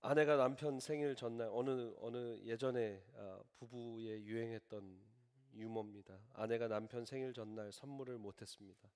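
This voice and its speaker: A male pastor preaching a sermon, lively and acting out little scenes of dialogue in different voices. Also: mid-range voice, normal speed, few pauses. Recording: long reverb of a large church hall.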